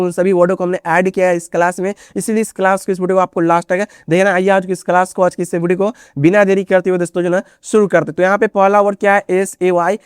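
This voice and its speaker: Guy teaching phonics, keeps asking what to read, bit high voice, dry close mic. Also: clean tone, no room sound. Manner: repetitive, drills words with rhetorical questions; constant filler phrases. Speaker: English reading teacher. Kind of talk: Hindi phonics lesson for beginners.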